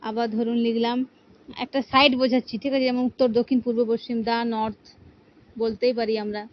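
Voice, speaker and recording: A woman teaches English grammar, explaining things patiently, asking her students rhetorical questions and repeating "ঠিক আছে". Her voice is a little high with fairly even intonation and a brisk pace. The recording sounds muffled.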